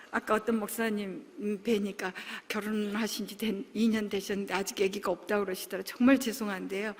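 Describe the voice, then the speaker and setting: Middle-aged woman, pastor's wife, emotional testimony, earnest storytelling, soft asides and loud exclamations, long church hall reverb. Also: mid-range voice.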